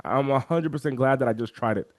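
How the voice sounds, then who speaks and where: A man talking as an interview guest, walking through software on a shared screen and acting out the voices of chat viewers. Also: mid-range voice, fast, no room sound, clean studio sound. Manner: animated, acts out quoted chat voices. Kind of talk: energetic screen-share walkthrough.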